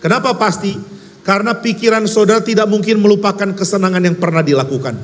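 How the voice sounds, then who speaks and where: Indonesian preacher, echoing hall. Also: male voice, high-pitched, quick pace. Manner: lively storytelling, wry and emphatic. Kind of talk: conversational sermon. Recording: long hall reverb.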